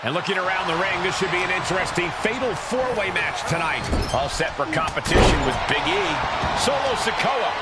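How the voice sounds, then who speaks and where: A man giving excited, emphatic wrestling commentary in a video game, calling moves with dramatic exclamations. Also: high voice. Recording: loud crowd and arena noise throughout. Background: game arena ambience with crowd and slams.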